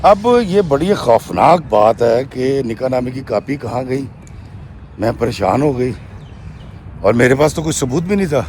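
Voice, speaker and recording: His voice is medium-pitched and a little mellow, with lively intonation and a slight hiss or hum in the recording. The man tells viewers a true story, passing on a woman's account in her own words with frequent "she says," and sometimes addresses them as friends.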